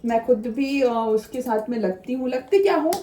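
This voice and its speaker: A high-voiced Indian woman talks casually through a home vlog as a mother, slipping English words in among many fillers. Her tone is mellow and unhurried. She sounds a little far from the mic in an echoey room. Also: animated. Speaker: mother vlogger.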